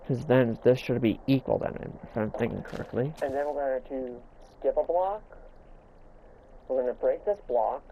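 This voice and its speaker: Mellow and mid-range, this gaming host's voice moves at a moderate pace through a muffled recording with slight background noise. He explains a build casually, repeating himself, tripping over words, and stuttering at times.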